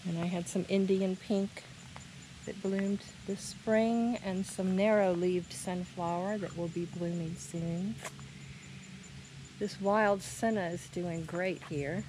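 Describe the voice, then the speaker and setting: A woman talks slowly in a slightly low voice, as if showing visitors around. Her manner is casual and plainspoken, like a home garden tour. It is recorded outdoors, with clear background noise of crickets and insects. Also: fairly even intonation, darkish tone, rough recording. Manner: unhurried, plainspoken.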